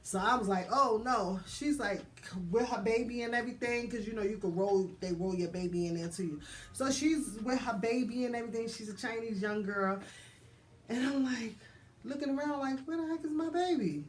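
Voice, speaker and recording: A mother telling her birth story in a casual, animated way, acting out voices. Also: on the high side, a little fast, slight background noise. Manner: animated, laughing, acts out voices.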